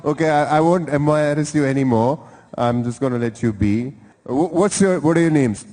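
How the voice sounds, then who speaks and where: A man's voice: fairly high pitch, normal speed, warm tone. A man from India hosting a live event, chatting playfully and teasingly with guests in the audience. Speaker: event host. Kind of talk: lively crowd interviews. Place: large event hall. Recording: hall reverb from a live venue.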